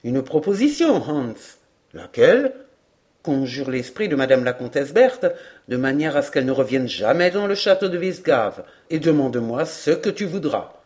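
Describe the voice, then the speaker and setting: A man reading as a hearty older baron in an audiobook who speaks with firm, emphatic weight. His voice rises and falls with a lively swing, bluff and loud with good cheer. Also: medium pitch, moderate pace, voice pushed down, natural voice. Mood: challenging.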